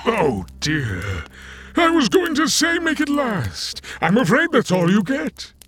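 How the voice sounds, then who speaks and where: A man's voice: very high voice, wildly swooping pitch, slow pace, a bit bright, slight background noise, heavily acted. Man playing a swooping, campy Satan. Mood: airy, condescending. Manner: theatrical, gleeful, mock-courteous. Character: campy, chatty Satan as bureaucratic host of hell. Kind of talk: comedic audio drama acting.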